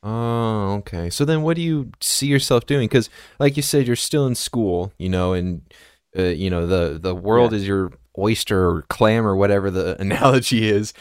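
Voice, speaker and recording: A young man in his twenties hosts a relaxed podcast interview. His voice sits a little low, and he chats loosely, with lots of fillers. The sound is close and dry. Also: clean tone, no room sound. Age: 20s. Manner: chatty, filler-heavy, quick to laugh. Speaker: podcast host. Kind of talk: casual interview chat.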